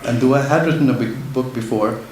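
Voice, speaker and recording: A man with a mid-range, somewhat dark voice speaks fairly quickly, reading a prepared literary talk as an author in a nervous, earnest way. The event venue is indoors and very echoey, with faint background noise.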